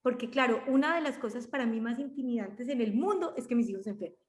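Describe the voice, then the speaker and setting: A woman's voice: a little high, quick pace. A Colombian woman in her forties, a talkative podcast co-host, reflecting in casual conversation with many restarts. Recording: roomy echo.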